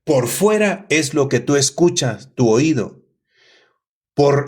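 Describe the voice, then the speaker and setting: A man delivers a sermon with a husky, slightly breathy voice. He teaches emphatically, comes back to the same phrases again and again, and turns to his listeners with questions. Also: medium pitch, a little mellow. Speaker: preacher.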